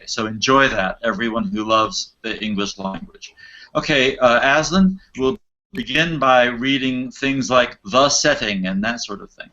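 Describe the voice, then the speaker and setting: A man's voice: medium pitch, pushed and bright. An American man directing and hosting a play reading over a video call, chatty and encouraging. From United States. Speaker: director and host. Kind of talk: casual directing chat. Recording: dull lo-fi video call audio.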